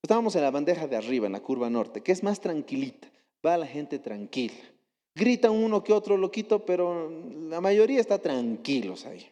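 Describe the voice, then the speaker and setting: A man's voice: on the high side, a little fast. A young adult man with a Bolivian Spanish accent, preaching a sermon and telling stories with rhetorical questions. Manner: storytelling with rhetorical questions, animated quotes. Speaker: lay preacher. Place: church hall. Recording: long church reverb.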